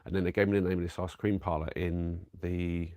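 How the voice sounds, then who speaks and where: On a live stream from his camper van, a man with a low, level voice rambles casually to viewers, talking a little fast and sounding a bit stuffed up from a cold. He's chatty and warm, with lots of fillers and restarts. The recording is dry and clean, studio-quality.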